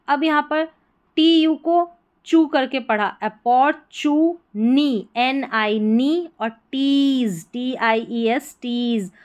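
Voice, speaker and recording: Patient woman teacher, slow and careful. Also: a little high. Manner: slow, patient, spells words letter by letter and repeats them. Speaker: English reading teacher. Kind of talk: spelling and pronunciation lesson.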